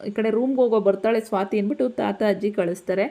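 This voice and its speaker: A woman's voice: mid-range voice, warm tone. Chatty woman retelling a TV serial. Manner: chatty, rapid-fire retelling. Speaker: narrator recapping a TV serial. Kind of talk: casual storytelling recap.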